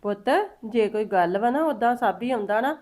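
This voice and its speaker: Here the family-drama actress voices the middle-aged mother-in-law, fussing and caring as she coaxes, pries and scolds. She speaks at medium pitch and moderate pace, with a darkish tone close to an everyday voice.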